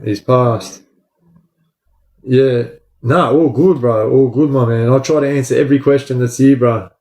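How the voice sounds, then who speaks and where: A man's voice: medium pitch, measured pace, dark tone. An Australian man chatting casually and spinning a yarn on a livestream, in sweary, matey eshay street slang. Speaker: livestream storyteller. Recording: echoey room.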